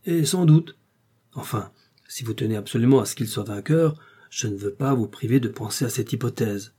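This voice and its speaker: A man's voice: mid-range voice, normal speed, warm tone, breathy edge, close to an everyday voice. A man reading aloud, voicing an elderly countess who talks in an outspoken, teasing way. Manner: exclamatory, teasing.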